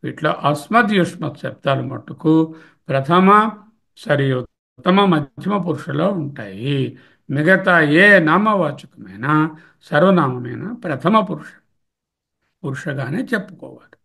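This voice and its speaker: A man's voice: on the high side, expressive, unhurried, vocal fry, pauses often, pushed and bright, breathy edge. A man teaching Sanskrit grammar, listing forms and explaining them in mixed with English terms. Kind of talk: grammar lecture.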